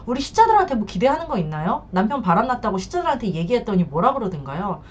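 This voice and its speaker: A woman's voice: fairly high pitch, quick pace, dull audio, a little hiss or hum. A woman counselor giving blunt advice on cheating husbands, often acting out what the men say. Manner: blunt, acts out quoted men in lively bursts. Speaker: divorce and infidelity counselor. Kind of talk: advice talk to camera.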